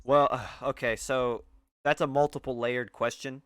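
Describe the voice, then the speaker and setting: Young man, podcast co-host, smooth clear voice, rambling, filler-heavy casual chat. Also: medium pitch, fairly even intonation, normal speed, no room sound, clean studio sound. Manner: rambling, restarts, lots of fillers.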